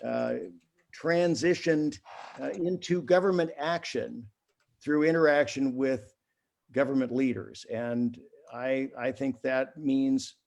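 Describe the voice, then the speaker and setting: A man running for office answers a forum question over a video call. His voice is gravelly, and he talks earnestly, often restarting his sentences. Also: medium pitch, fairly even intonation, slow pace, a little mellow. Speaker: mayoral candidate.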